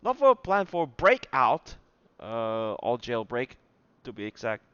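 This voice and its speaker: A man streams games with casual live commentary, often groping for words and repeating himself. His mid-range voice swings widely in pitch and is unhurried, fairly bright, clear and resonant. The lo-fi microphone is slightly dull, with game music behind him.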